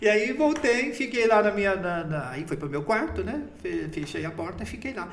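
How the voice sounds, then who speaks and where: A priest in his fifties tells his story in a relaxed, chatty way. His voice sits a little high for a man. It echoes around the room he is recorded in. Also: moderate pace, slight background noise. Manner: chatty storytelling, often breaking into laughter. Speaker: priest named bishop. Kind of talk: recounting a personal story in an interview.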